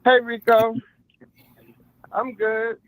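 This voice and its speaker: A man working as a field producer, giving a halting, filler-heavy live update over a speakerphone call. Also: very high voice, sing-song, no echo. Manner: hesitant, filler-heavy reporting. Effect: heard over a phone on speakerphone. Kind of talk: live on-the-scene phone report. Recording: tinny phone line.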